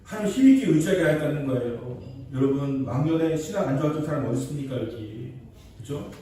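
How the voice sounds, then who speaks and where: A man's voice: a little high, expressive, fast talker, warm tone. A male pastor preaching a sermon, telling a story and building to emphatic repeated questions. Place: church sanctuary. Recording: distant mic in echoey church with faint background noise.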